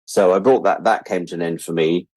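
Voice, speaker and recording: This British freelance media producer, about sixty, chats as an interview guest in a casual, reflective manner, candid and wry and prone to repeating words for emphasis. His deep, darkish voice keeps a fairly even intonation at a slightly fast pace, with no echo.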